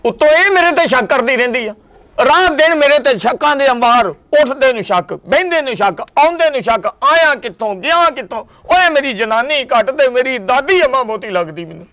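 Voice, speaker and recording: An exasperated husband, played by a man in a comedy sketch. His voice sits high as he lectures his family. He makes his points with jokes and old sayings. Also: expressive, a little fast, pushed and bright, exaggerated voice. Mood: lecturing. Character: husband defending himself against a suspicious wife, with comic wordplay.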